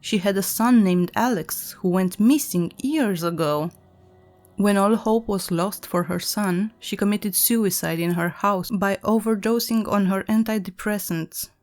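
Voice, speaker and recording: Woman reading a scary story, dramatic and measured, middle pitch. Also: darkish tone. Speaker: horror story narrator. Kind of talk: scripted narration.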